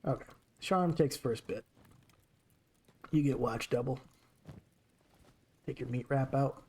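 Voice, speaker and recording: A man gives casual, chatty commentary over his gameplay at an average pitch. He talks straight to his characters as he plays. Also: slow pace, warm tone, a little hiss or hum. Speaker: streamer.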